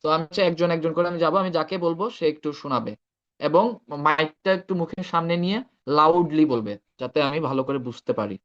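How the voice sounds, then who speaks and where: A man's voice: a little high, quick pace, fairly bright tone, muffled recording. A man teaching Arabic pronunciation in an online class, patient and often checking that students follow. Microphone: video call.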